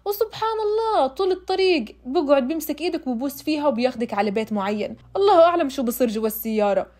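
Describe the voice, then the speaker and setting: A woman voicing a sanctimonious middle-aged female school administrator who mocks and scolds loudly. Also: high-pitched, animated, racing. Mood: mocking. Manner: preachy, mocking, loud.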